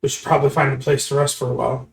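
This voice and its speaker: A man with a medium-pitched voice plays a tabletop fantasy game. He chats casually in character and out, picked up with a roomy echo. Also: flat delivery, very fast, gravelly. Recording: roomy, echoing room recording.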